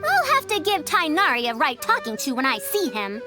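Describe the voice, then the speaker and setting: A woman's voice: sits high, wildly swooping pitch, fairly quick. An actress voicing a prim, fussy female elder scholar who talks in a lofty, scolding way, in game audio. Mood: caring. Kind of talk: game voice acting. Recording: game audio with faint music.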